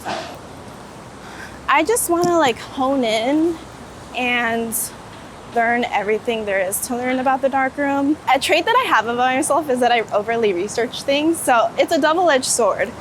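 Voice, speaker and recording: In a high voice with lively intonation and a moderate pace, a street photographer chats eagerly through a walking interview on a city street, casual and full of "like". Background sounds include street ambience and passing vehicles. The recording is low quality, with a little hiss or hum.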